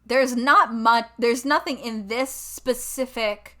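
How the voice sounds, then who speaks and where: Young woman, podcast co-host, bright tone, casual chatty delivery, frequent fillers. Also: fairly high pitch, slow pace. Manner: chatty, lots of "like", animated asides. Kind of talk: casual chat.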